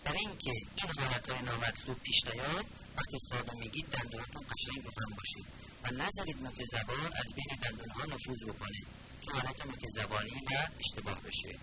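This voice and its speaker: A man teaching the pronunciation of recited phrases, explaining calmly, then chanting each phrase slowly and drawn out for students to repeat. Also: mid-range voice. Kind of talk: recorded lesson on reciting the call to prayer. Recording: loud background noise.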